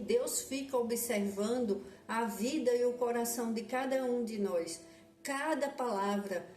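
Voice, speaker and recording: A woman preaching a devotional sermon in a slow, earnest, repetitive way, often restarting her phrases. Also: fairly high pitch, a little mellow. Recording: echoey room with faint music behind.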